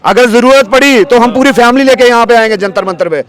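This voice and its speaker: A man from Jammu and Kashmir with a very high voice speaks at a street protest. He is an aggrieved contract worker, pleading and insistent. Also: a little fast, fairly bright tone.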